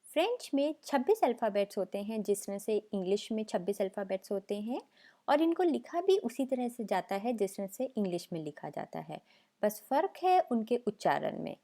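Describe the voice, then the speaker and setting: A woman's voice: medium pitch, big pitch swings, normal speed, dark tone. A young woman teaching French letters as a patient tutor, saying each sound twice. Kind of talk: slow language lesson narration.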